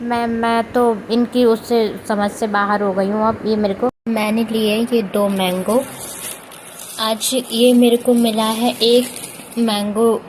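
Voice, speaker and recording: A woman's voice: a little high, darkish tone, slight background noise, poor audio. A woman who runs a small beauty salon, chatting casually in her vlog and mixing English words into her talk. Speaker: salon owner and vlogger.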